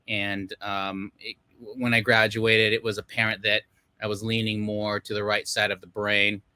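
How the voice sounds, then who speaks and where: A man's voice: on the low side, flat delivery, moderate pace, sharp tone, smooth, no room sound. A middle-aged man from Los Angeles, a film director talking casually as a guest over a video call, rambling with many fillers. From Los Angeles, United States. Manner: rambling, many fillers, self-deprecating laughs. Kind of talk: casual interview talk.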